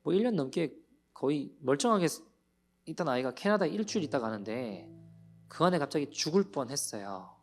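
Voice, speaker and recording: A pastor giving a Sunday sermon in a church, telling a story with feeling and dropping to soft near-whispers. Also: male voice, a little high, expressive, a little fast, soft background music. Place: church sanctuary.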